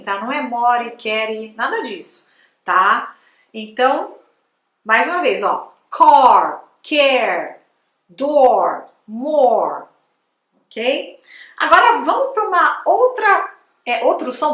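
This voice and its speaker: A woman's voice: sits high, sharp tone, roomy sound. A woman from Brazil teaching English pronunciation in a chatty video lesson, exaggerating the sounds to demonstrate them.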